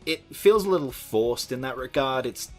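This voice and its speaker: A man's voice: medium pitch, lively intonation, normal speed, faint music behind. A young man narrating a scripted video essay with sardonic asides and the odd swear word.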